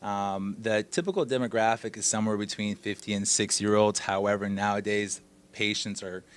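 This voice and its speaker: A man from Russia who works as an orthopedic surgeon, giving interview answers in a measured, explanatory way. His voice is fairly low, and it stays even with little rise and fall. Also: clean tone.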